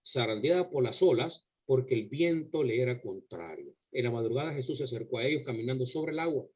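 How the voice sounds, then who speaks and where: A male preacher with a husky, slightly breathy voice at an ordinary middle pitch. He delivers an emphatic sermon to a congregation, firing rhetorical questions at them and repeating words as he restarts. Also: expressive, brisk, poor audio. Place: church service before a congregation.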